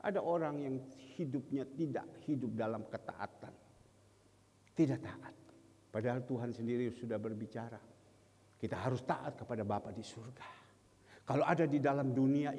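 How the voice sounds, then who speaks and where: A middle-aged Indonesian man preaching a sermon as pastor, calling out loudly on key lines and sinking low and soft when he tells a story. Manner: preaching with loud emphatic rises, dropping low and soft for personal stories. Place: church sanctuary. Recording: church hall with long reverb.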